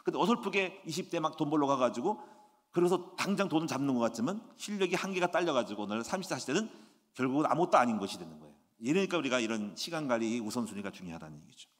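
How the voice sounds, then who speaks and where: A man in his sixties, a pastor delivering a Friday sermon in an animated preaching manner, often asking the congregation rhetorical questions. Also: medium pitch, fast talker. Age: 60s. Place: church sanctuary. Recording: echoey church hall reverb.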